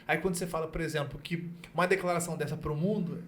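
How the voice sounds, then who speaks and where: A man's voice: fairly high pitch, steady tone, fast. A man hosting a casual interview, answering often with short affirmations. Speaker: podcast host.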